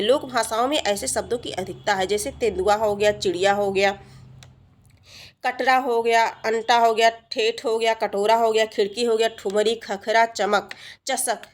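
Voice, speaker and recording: A woman teaching an exam-prep grammar lesson, explaining patiently, repeating points, pausing on fillers and answering her own questions. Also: a little high, a little hiss or hum. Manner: asks the class questions and answers them herself.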